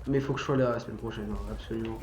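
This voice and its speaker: Speaking very fast in a steady, lowish voice, a stuffy-nosed teen boy with a cold chats on his gaming stream, rambling, cursing freely and erupting in angry yells at the game. Faint music plays under dull, lo-fi sound with a roomy echo.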